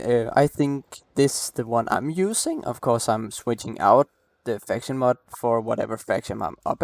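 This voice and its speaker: His medium-pitched voice is a little mellow, captured close on a desk mic with no room sound. It's a late-night, casual game build walkthrough from a gameplay guide creator who rambles, apologizes, coughs, and restarts many times.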